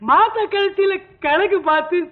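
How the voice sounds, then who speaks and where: Tipsy crybaby servant, squeaky high and raspy, sounds like an old phone line. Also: male voice, normal speed. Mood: tipsy, maudlin. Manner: slurred tipsy blabbering. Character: drunk weepy male servant, comic gossip. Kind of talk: 1980s film dialogue. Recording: tinny lo-fi old film soundtrack.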